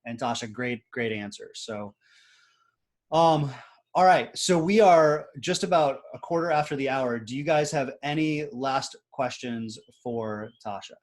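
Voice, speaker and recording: A man's voice: medium pitch, measured pace. A man hosting a group video call, giving loose, rambling advice and correcting himself as he goes. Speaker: host of a business video call.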